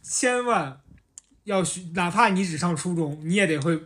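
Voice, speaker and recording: A podcast host telling a school story in casual chat, animated and often laughing. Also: medium pitch, normal speed.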